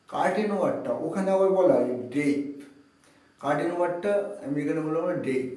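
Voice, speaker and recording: A man teaches a vocabulary lesson to his students, his fairly high voice mellow and warm. He keeps asking questions and answering them himself, and repeats key words slowly. The sound is very echoey and comes from some way off the mic. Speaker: English tutor. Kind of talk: spoken language lesson to students. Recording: echoey room, voice from far off.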